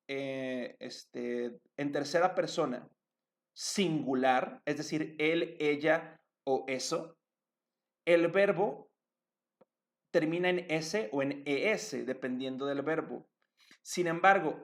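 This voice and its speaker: A patient man explains grammar at a board, step by step. His voice sits a little high for a man, and he keeps checking that his students are following along. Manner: patient, checks understanding with tag questions. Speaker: English teacher.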